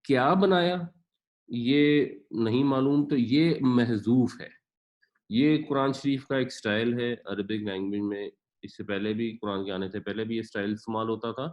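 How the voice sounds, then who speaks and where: A man's voice: mid-range voice, highs cut off. A man teaching a Quran class, patiently explaining grammar and pronunciation with everyday examples. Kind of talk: explanatory lecture.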